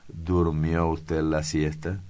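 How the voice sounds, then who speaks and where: A man's voice: a bass voice, little pitch movement, takes it slowly, dark tone. A man voicing a stern male official who gives orders and reasons with a commanding tone.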